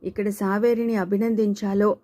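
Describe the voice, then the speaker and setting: A woman narrating a novel as an audiobook, with a measured, literary reading. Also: medium pitch, little pitch movement, mellow. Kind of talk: scripted narration.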